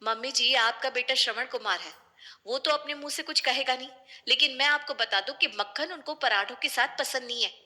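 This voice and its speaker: A woman's voice: a little high, moderate pace, voice pushed up. Woman doing a sarcastic daughter-in-law. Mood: retorting. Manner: sarcastic, sharp-tongued.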